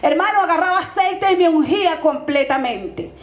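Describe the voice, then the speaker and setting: A woman's voice: extremely high pitch, expressive, moderate pace. A woman pastor from Venezuela with a Venezuelan accent, fervently telling a testimony in a sermon and calling her listeners brother. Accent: Venezuelan Spanish. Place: church. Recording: roomy, dull lo-fi church recording.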